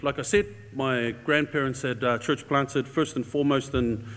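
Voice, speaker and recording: In a large church hall with long, echoing reverb, a New Zealand man from Auckland speaks to the congregation as a charity's guest speaker. He tells a personal story informally and hesitantly, dropping in "eh", his average-pitched voice a bit bright, fairly even in intonation, at a moderate pace.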